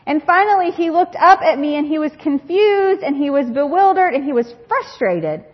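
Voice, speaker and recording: A woman's voice: high-pitched, animated, moderate pace. A woman in her thirties preaching a sermon, telling personal stories in an earnest way. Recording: dull recording with long hall reverb.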